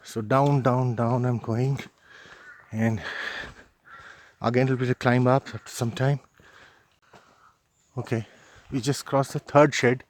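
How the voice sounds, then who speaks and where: Male travel vlogger, mid pitch, casual walk-and-talk on a mountain trail, phone-recorded outdoors. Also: steady tone, slow, pauses often. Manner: chatty, thinking aloud while hiking. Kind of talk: casual walking commentary. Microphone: handheld phone camera.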